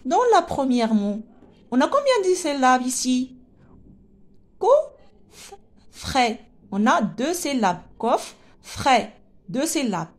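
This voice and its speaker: A woman teaching a phonics lesson to young children, speaking with a French accent with a North African lilt and sounding out letters and syllables slowly and carefully. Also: sits high, sing-song. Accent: French spoken with a North African lilt.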